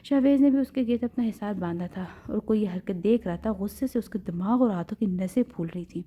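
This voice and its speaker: A woman narrating a romance audio novel in a steady storytelling way. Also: mid-range voice. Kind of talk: scripted narration. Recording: dull lo-fi.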